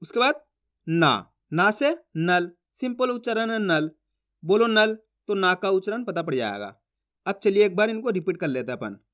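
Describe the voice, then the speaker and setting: A teacher giving a spoken Hindi alphabet lesson, slowly drawing out each syllable with example words and often checking whether the learner has understood. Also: medium pitch, expressive, a bit bright. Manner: keeps checking understanding with short questions.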